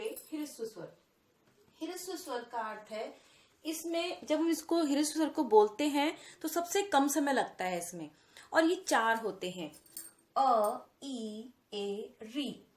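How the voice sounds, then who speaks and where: A woman teaching a grammar lesson, explaining sounds and slowly repeating example words. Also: high voice, roomy sound.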